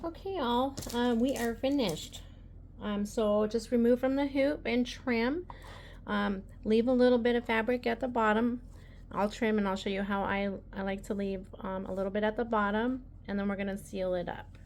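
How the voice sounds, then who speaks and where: A woman's voice: fairly high pitch, moderate pace, a little mellow, a little hiss or hum. A woman hosting a casual embroidery tutorial, chatty and rambling with frequent ums.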